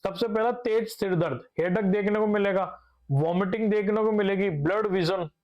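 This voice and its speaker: High-voiced male nursing teacher lecturing. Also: moderate pace, dull audio. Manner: explains by asking and answering his own questions, repeats key terms; mixes English terms into his speech. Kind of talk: classroom lecture.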